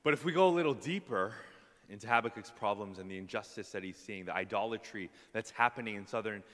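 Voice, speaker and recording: A man's voice: fairly low pitch, quick pace, fairly bright tone. A man preaching a casual, self-deprecating sermon to his congregation, with plenty of fillers. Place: church hall. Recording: long hall reverb.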